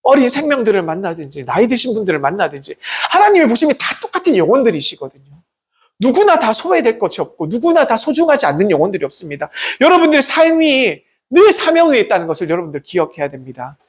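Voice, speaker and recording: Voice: mid-range voice, very animated, fast talker. Pastor preaching, voice jumps all over, emphatic, keeps asking the congregation questions. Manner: retells scripture stories in a conversational way; self-deprecating asides. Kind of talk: sermon.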